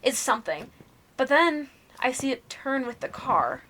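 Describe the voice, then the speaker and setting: A young woman with a fairly high voice spins spooky tales in a loose, chatty way. She laughs easily, swears offhand and lowers her voice to a hush when the story turns creepy. It is a relaxed podcast conversation. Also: a little slow. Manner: chatty, laughs and swears casually, hushes during spooky parts. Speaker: podcast co-host. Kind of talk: casual storytelling chat.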